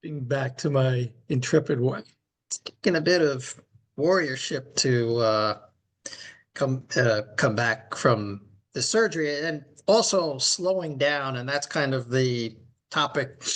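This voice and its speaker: A man's voice: mid-range voice, slow, fairly bright tone. A middle-aged man co-hosting a podcast, chatting casually and rambling with many fillers and restarts. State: recovering from knee replacement surgery. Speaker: podcast co-host. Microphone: remote call audio.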